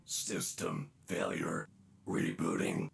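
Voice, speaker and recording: A gravelly cyborg villain rebooting. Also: male voice, low voice, slow pace, distant mic, soft background music, heavily acted. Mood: robotic. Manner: flat system readout announcing failure and reboot. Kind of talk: video game voice acting.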